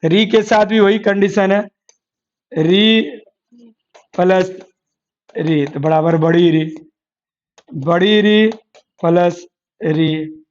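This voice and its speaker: A man's voice: high-pitched, drawn-out words, pauses often. A man teaching an exam-prep lesson who keeps asking the class questions, answering them himself, and repeating key terms. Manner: repetitive, asks and answers own questions. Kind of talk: classroom lecture with board examples. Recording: dull lo-fi classroom recording.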